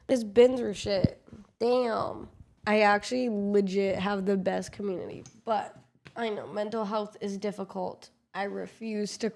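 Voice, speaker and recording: A woman's voice: mid-range voice, darkish tone. A young woman streamer reading viewer confessions aloud and reacting in casual, slangy talk, swearing freely and laughing often.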